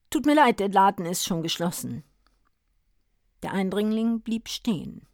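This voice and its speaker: A woman narrating a story in a calm, measured reading voice. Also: mid-range voice, no echo, clean studio sound.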